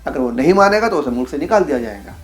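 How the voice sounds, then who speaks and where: A man teaching a video lesson, reading aloud from a book and saying example words slowly and carefully. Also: a little high, lively intonation. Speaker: Urdu language teacher.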